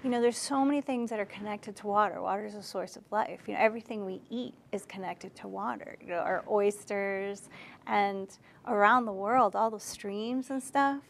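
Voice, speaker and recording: A woman's voice: medium pitch, normal speed, vocal fry. Chatty woman, noisy room. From Cape Cod, Massachusetts. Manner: informal, chatty. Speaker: talk show host. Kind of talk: conversational interviewing. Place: indoor studio set lined with bookshelves.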